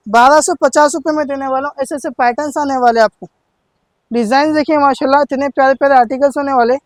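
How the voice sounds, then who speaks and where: Male shop presenter, notably high-pitched, dry sound; eager, insistent, repetitive teleshopping sales pitch. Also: dry recording. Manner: insistent, repetitive, hard-selling. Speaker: shop seller presenting sale offers.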